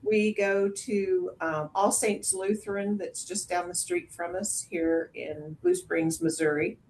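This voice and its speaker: A woman's voice: mid-range voice, slow, a little mellow, a little hiss or hum. An older woman, a retired minister, introducing herself on a video call, hesitant with fillers.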